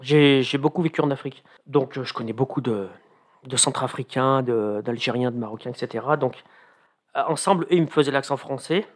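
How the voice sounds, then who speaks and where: A man who writes comedy columns for radio chats in a casual radio interview, his medium-pitched voice fairly quick. He hesitates often and uses plenty of fillers.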